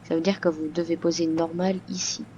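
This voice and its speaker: A woman's voice: on the low side, little pitch movement, a little fast, dark tone, highs cut off, slight background noise. A woman talking through a game tutorial in a casual voice-over, hesitant, with many fillers and restarts. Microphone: computer microphone.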